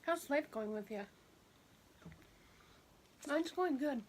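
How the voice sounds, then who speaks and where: A woman with a high voice chats to her viewers in an unhurried, easygoing way as she eats. She talks between bites during a casual mukbang vlog, with a faint hiss behind her. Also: animated. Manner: chatty, speaks between bites. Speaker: vlogger. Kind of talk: casual mukbang chat while eating.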